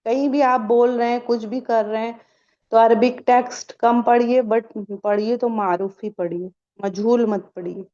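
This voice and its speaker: A woman with a fairly high voice leads a recitation class for women. She keeps firing questions at her learners and answers them herself. The recording sounds dull and lo-fi. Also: steady tone, warm tone. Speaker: Quran recitation teacher. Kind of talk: online tajweed class for women.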